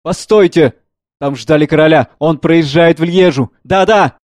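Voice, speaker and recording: A man voicing a grave, shaken middle-aged gentleman in a dramatic play reading, speaking in a measured, somber way. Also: fairly high pitch, no echo, studio quality, lightly acted.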